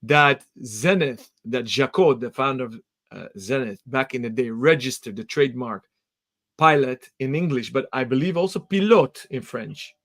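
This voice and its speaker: A man hosting a live interview show, asking questions in an energetic, enthusiastic way. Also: medium pitch, moderate pace. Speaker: podcast host.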